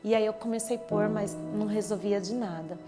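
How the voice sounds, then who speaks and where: A woman's voice: medium pitch, fairly even intonation, a little fast. Woman telling an emotional testimony. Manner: emotional, vivid retelling with quoted dialogue. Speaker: church member giving testimony. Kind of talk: personal testimony storytelling. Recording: clear background music under speech. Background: soft instrumental music.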